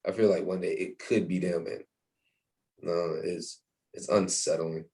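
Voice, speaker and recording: A man's voice: low-pitched, steady tone, measured pace, darkish tone. A young man talking casually in an interview, with many restarts and fillers. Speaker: interviewee, university staff member.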